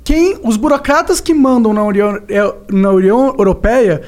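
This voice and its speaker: A man's voice: sits high, moderate pace, a little mellow. A man co-hosting a podcast, chatting casually, slangy and opinionated. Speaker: podcast co-host. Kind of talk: casual chat.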